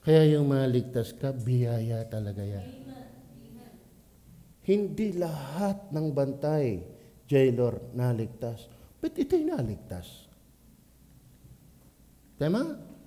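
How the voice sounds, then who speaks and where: A man with a Batangas accent, a pastor preaching at a church prayer meeting, swinging from quiet asides to loud exclamations. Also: medium pitch, big pitch swings, takes it slowly, long pauses. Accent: Filipino, Batangas.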